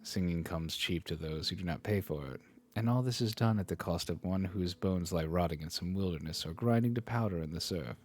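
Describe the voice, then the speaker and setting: A man's voice: low voice, a little fast, darkish tone. A man reading an earnest young prince. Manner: earnest, read-aloud delivery. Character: young man, anxious prince questioning a guest. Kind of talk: reading a classic epic aloud on stream.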